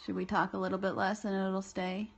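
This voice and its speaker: A woman's voice: mid-range voice, level tone, brisk, gravelly. A woman chatting casually in short questions, patiently humoring someone and echoing back what she hears. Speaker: caregiver filming and questioning the patient. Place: small bedroom, indoors. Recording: muffled phone video with noticeable noise.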